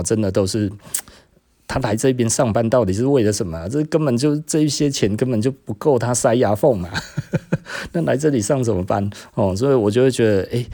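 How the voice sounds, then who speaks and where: A middle-aged man, hosting a podcast and casually telling stories from his own life, tagging his phrases with a drawn-out "hm" particle and chuckling as he goes. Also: medium pitch, dark tone. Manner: tags nearly every phrase with a drawn-out "hm" particle and chuckles often. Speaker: podcast host. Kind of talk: casual personal storytelling.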